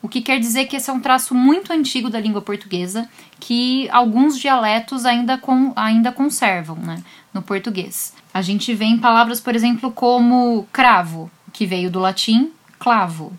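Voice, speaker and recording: A woman's voice: on the high side, moderate pace, few pauses. A woman with a Brazilian accent, a linguist explaining a lesson directly to her listeners.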